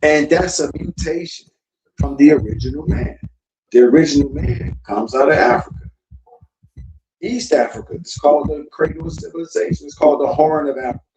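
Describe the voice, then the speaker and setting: A man holds forth in a casual group chat, pressing each point hard and turning to address his listeners directly. His fairly high voice sits back from the mic, and the room's echo rings around it. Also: brisk, far from the mic, a crowd in the background. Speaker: podcast co-host.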